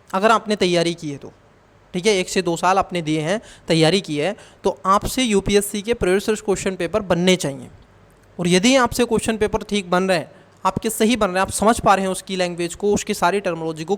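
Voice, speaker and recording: A coaching teacher explaining exam questions, who calls the students child and asks and answers their own questions. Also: medium pitch.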